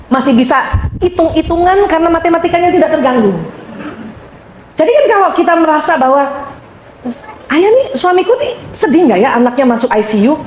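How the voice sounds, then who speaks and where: A middle-aged woman giving an animated, joking seminar talk to an audience. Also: sits high. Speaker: seminar speaker. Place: large hall with audience. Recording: roomy hall sound with faint noise.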